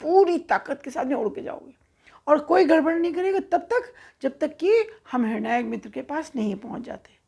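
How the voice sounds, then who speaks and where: A woman voicing a calm male pigeon leader who admits a mistake and gives orders to his flock in a children's story. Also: high voice, normal speed, creaky. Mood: commanding. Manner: reassuring, giving orders.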